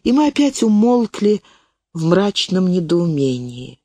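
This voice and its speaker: Female audiobook reader, measured literary narration, unhurried and mellow. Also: fairly low pitch, sing-song, dry recording. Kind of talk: scripted narration of classic prose.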